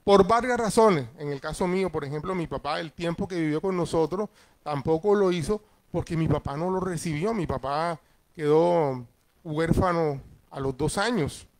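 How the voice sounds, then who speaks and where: Pastor with a somewhat high voice. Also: male voice, moderate pace. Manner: conversational, checks in with listeners; acts out family voices in passing. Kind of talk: Sunday school teaching.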